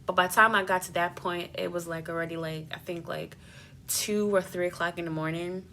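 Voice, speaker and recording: Animated woman telling a story. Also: on the low side, a little fast, a little hiss or hum. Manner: animated, swears freely, lots of fillers. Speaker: beauty vlogger. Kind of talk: casual storytelling.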